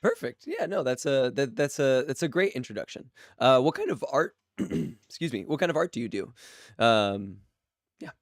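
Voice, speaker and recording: A man hosting a casual podcast interview, rambling and halting, with a slightly gravelly, tired voice after a late night. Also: mid-range voice, expressive, dry recording, clean studio sound. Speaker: podcast host.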